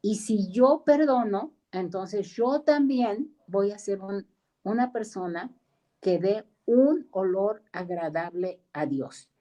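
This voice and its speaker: Slow, mellow-voiced woman preaching. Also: mid-range voice, expressive, muffled recording. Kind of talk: sermon.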